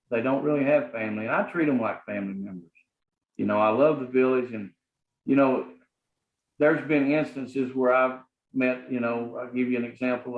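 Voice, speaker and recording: Guest: middle-aged man, Southern drawl, sincere and halting, lo-fi roomy audio. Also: medium pitch. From Arkansas, US. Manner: earnest, rambling with many fillers. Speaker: guest, property manager. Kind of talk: casual interview talk. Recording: echoey, phone-like sound.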